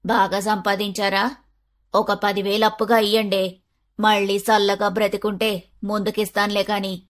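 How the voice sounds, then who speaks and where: A woman voicing a greedy older neighbor woman in an animated storybook, coaxing and cajoling for money. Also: medium pitch, moderate pace, close to an everyday voice. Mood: wheedling.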